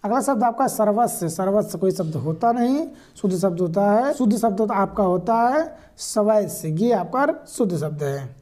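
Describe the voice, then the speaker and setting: A woman's voice: medium pitch, expressive, normal speed, dark tone. A woman teaching correct spellings for an exam, explaining each word patiently and repeating the right answers. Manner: repetitive, explanatory, addresses viewers directly. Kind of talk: spelling lesson for exam prep.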